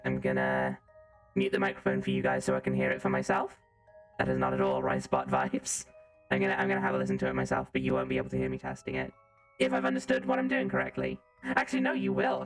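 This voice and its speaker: A woman game streamer chatting casually while talking through a robot voice changer that pitches her far down. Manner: chatty, self-narrating while fiddling with settings. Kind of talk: casual live-stream chat.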